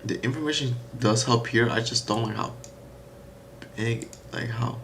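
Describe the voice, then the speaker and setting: Creaky-voiced young man chatting on stream. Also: medium pitch, measured pace, fairly bright tone, slight background noise. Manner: loose and rambling, says "bro" and "like". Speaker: day-trading livestreamer. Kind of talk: casual live-stream chat.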